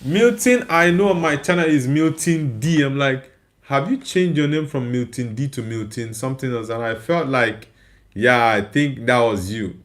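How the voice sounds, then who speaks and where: A tired man with a Nigerian accent, whose first language is Igbo, hosts a live stream in casual chat, reading viewer comments aloud and answering them. His mid-range voice is expressive and moves at a normal speed.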